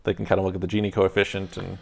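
Speaking very fast in a low, gravelly, level voice, a thirtysomething podcast co-host works through a casual debate methodically, frequently starting over. He wears a lapel mic in a studio lounge set with armchairs.

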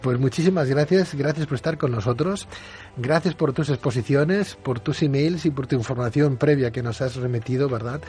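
A man's voice: mid-range voice, a little mellow, faint music behind. Courteous Spanish man hosting late-night radio. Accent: Spain Spanish. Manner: courteous, measured, with hesitant fillers. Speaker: radio host.

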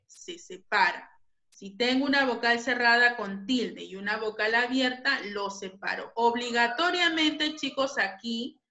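A woman's voice: a little high, bright, forceful tone. A woman teaching a grammar lesson to pupils, patient and repeating each point. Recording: echoey room.

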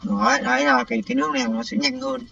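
A man giving excited, panicky commentary on a game livestream, often repeating words when startled. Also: very high-pitched, racing, gravelly, recorded from a distance. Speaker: gaming livestreamer. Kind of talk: live gameplay commentary. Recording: dull lo-fi sound with faint game music.

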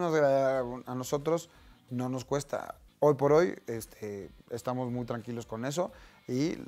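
A man in his thirties with a Mexican accent, casually telling anecdotes to camera in a slangy, lively way. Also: a little high. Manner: chatty, slangy, acts out quoted voices. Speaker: vlogger.

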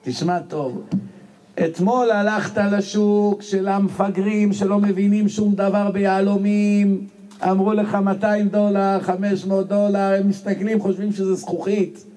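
A man voicing a wise, calm old rabbi who patiently explains a lesson to his son. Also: sits high, natural voice. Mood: teaching.

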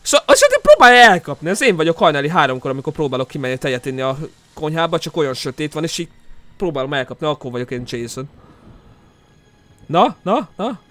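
Excitable young man shouting at a game. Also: fairly high pitch, dry recording. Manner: loud, jumpy, shouting at the screen. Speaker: gaming streamer. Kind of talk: excited live game commentary.

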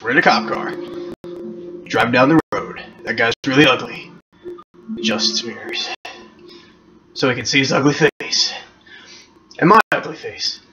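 A man's voice: mid-range voice, normal speed, pauses often, lo-fi sound, noisy background. A young man casually commenting on a game he plays, rambling and chatty, eating chips as he talks. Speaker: let's play gamer.

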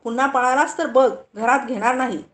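A woman voicing a stern mother who scolds sharply and later softens. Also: high voice, normal speed, close to an everyday voice. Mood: angry scolding.

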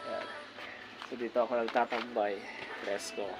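A man's voice: medium pitch, little pitch movement, moderate pace, over loud music, low-quality recording. A man with a cold, chatting casually to viewers while he shows off a big bird cage outdoors, filming on a phone. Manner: chatty, repeats filler words often, addresses viewers directly. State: has a cold. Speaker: vlogger showing his bird cage. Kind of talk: casual vlog walkthrough. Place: outdoors in a yard beside a large bird cage.

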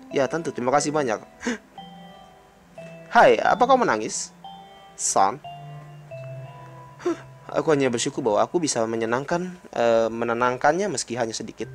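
A man reading a visual novel's dialogue aloud in his own voice, with casual remarks of his own in between. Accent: Indonesian. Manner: reads all characters in his own voice, jumps to high pitch for excited lines.

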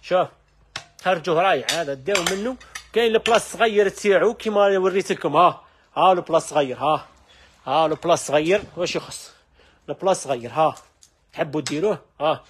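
A man with an Algerian accent running a live sales stream from a household goods shop, with rapid, repetitive calls to look at the wares. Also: fairly high pitch, slight background noise. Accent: Algerian Arabic.

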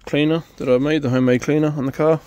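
A man's voice: on the high side, fairly even intonation, quick pace, a little mellow, muffled recording. A man, chatting casually on a home car restoration vlog, rambling with lots of ums and restarts, filmed on a phone held close in an open carport. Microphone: phone camera held close.

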